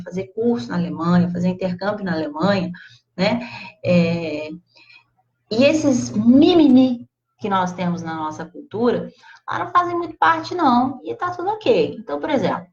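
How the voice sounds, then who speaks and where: A Brazilian woman with a Brazilian Portuguese accent giving a casual, expressive live class, chatting directly to her audience. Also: medium pitch. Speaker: psychologist teaching a live class. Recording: slightly dull lo-fi livestream audio.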